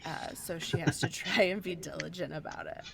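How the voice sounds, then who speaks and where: A woman's voice: lowish voice, steady tone, moderate pace, vocal fry, crowd noise. A woman playing in a tabletop game, describing her character in a meandering way with frequent ums. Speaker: player.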